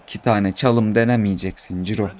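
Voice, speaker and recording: Guy playing a football game, yelling at his players. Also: lowish voice, a little fast. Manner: excitable, shouts and scolds players. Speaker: gaming YouTuber. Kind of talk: live football game commentary.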